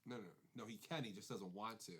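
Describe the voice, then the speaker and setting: A man with a fast, slightly rough, low-ish voice co-hosts a casual podcast chat. He gives blunt opinions, hesitates often, and pushes back playfully.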